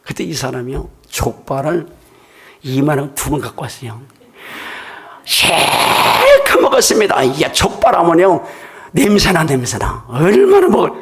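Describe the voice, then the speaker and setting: A man's voice: a little high, sing-song, normal speed, vocal fry, breathy edge. An older man, a pastor, preaching a sermon in a church in a conversational, emphatic storytelling way.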